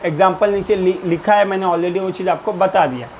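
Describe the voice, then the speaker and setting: High-voiced teacher explaining accounts. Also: male voice, brisk, a little hiss or hum. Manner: explains in Hindi mixed with English terms, repeats and quizzes. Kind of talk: recorded lecture.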